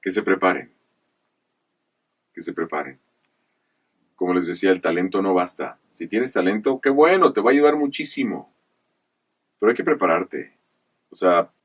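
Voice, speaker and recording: In a casual interview, a low-pitched voice actor from Chihuahua, northern Mexico, tells stories about his work. He speaks in a measured, explanatory manner, tossing in animated asides, and sounds slightly distant from the mic.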